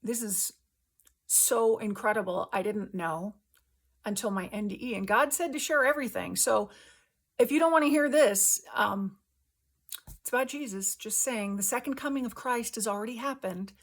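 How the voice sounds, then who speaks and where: Her voice a little high, this woman host shares a heartfelt spiritual testimony in everyday words, pressing each short phrase with emphasis and pausing haltingly between them.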